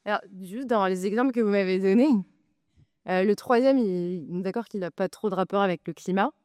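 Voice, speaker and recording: A woman's voice: mid-range voice, fairly quick, darkish tone, clean tone, no room sound, clean studio sound. A woman arguing in a debate, hesitant with many filler sounds but insistent. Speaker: debate speaker, co-president of a data nonprofit. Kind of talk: debate argument.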